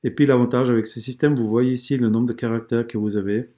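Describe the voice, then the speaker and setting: A man with an accent walking through a software tool step by step, with frequent fillers and restarts. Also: medium pitch, steady tone, fast. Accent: non-native or regional French accent. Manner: explanatory, hesitant, many fillers and restarts. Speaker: software tutorial presenter. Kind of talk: screen-recorded software tutorial.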